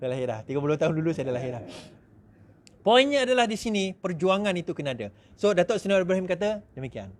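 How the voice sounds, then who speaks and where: A middle-aged man with a Malaysian accent, giving an animated speech to supporters, mimicking others in quick asides and laughing often. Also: high voice. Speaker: politician speaking to supporters.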